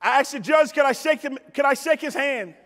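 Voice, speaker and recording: Fairly quick and very high-pitched, with a fairly bright tone, a middle-aged American man delivers a motivational keynote. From the stage of a large convention hall, heard through reverberant PA, he tells stories emphatically, repeats key phrases and addresses listeners directly.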